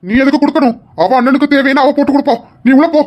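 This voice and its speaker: A woman voicing an angry young husband who shouts orders at his wife in a home-made audio drama. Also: mid-range voice, quick pace, lightly acted. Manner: shouting, commanding.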